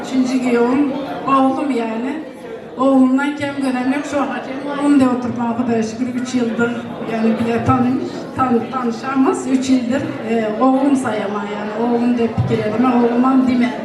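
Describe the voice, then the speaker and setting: Very echoey, even-toned woman giving wedding blessings. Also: a little high, moderate pace. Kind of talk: informal blessing speech at a wedding. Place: wedding celebration venue. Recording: very echoey hall, far-off, crowd noise. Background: crowd of guests.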